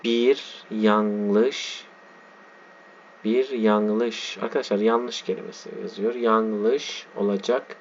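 A man teaching a lesson, reading a text aloud slowly and spelling out its letters and words as he explains them. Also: on the low side, steady tone. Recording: dull lo-fi sound with faint background noise.

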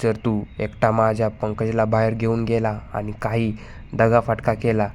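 A man reading the lines of a worried, sharp-tongued mother in a flat, read-out way. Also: lowish voice, normal speed, slight background noise, close to an everyday voice.

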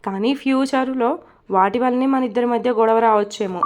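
A woman voicing a lonely, tearful young wife who confides softly in a read-aloud story. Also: on the high side, normal speed, noisy background, lightly acted. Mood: tearful, confiding.

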